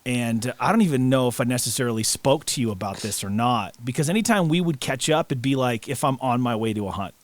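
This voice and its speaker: A man's voice: medium pitch, lively intonation, quick pace, few pauses, slight background noise. A man co-hosting a podcast, chatting casually in an earnest, storytelling way. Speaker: podcast co-host.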